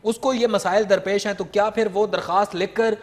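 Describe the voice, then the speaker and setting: A man's voice: high voice, fairly even intonation. A man hosting a live call-in TV talk show, questioning his guest pointedly with rhetorical challenges. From Pakistan.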